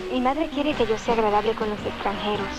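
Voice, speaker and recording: A woman's voice: on the high side, racing, close to an everyday voice. A young woman playing a sweet-mannered, coolly mercenary island daughter in an old comedy film. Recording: dull old film soundtrack, music behind.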